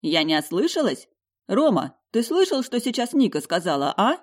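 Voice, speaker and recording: A woman playing an excitable, flustered grandmother who fires off questions. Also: mid-range voice, pitched above the performer's own voice. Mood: astonished. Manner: breathless rapid questions.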